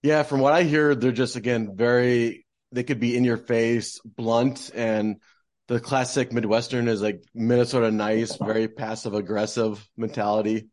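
A man's voice: mid-range voice, steady tone, normal speed, a little mellow, dry recording, studio quality. A man hosting a podcast, reading an intro and chatting with his guest in an upbeat, friendly way. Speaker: podcast host.

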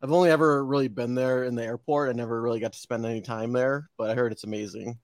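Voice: mid-range voice, fairly even intonation, quick pace, no echo. A podcast host introducing a guest and chatting casually, with many fillers. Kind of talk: interview podcast hosting.

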